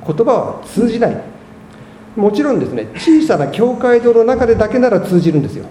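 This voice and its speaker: A male pastor preaches with sweeping, animated pitch and a mellow, dark tone. His emphatic sermon voice carries through an echoey church hall. A faint background hum runs beneath it. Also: fairly quick. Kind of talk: sermon with closing prayer.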